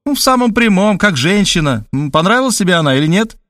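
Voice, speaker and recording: A man's voice: sits high, sing-song, fast talker, a bit bright, no echo, clean studio sound, voice pushed up. A male reader voicing a pushy, meddling middle-aged woman who plays matchmaker, in a playful and insistent tone.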